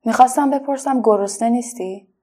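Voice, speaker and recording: Woman voicing a lonely fake red flower, soft and wistful, gentle, slightly high voice, children's storybook. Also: slightly rough. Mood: coaxing. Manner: soft, wistful, quietly pleading.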